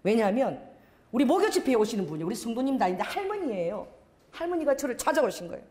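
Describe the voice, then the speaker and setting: Animated woman pastor preaching. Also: on the high side, fast, a little hiss or hum. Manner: animated storytelling, acting out voices. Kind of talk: sermon with acted story.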